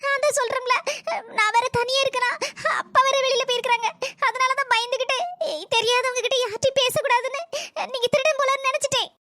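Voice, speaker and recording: A nervous cartoon girl, home alone, speaking in a Kanyakumari Tamil accent. The voice is very high and bright, and she pleads quickly. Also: steady tone, no room sound, studio quality. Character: frightened young girl home alone, earnest.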